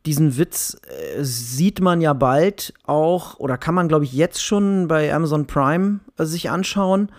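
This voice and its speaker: A man's voice: fairly high pitch, expressive, measured pace, few pauses, no echo, clean studio sound. A man with speech talking casually as a guest on a podcast. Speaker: podcast guest, writer and musician.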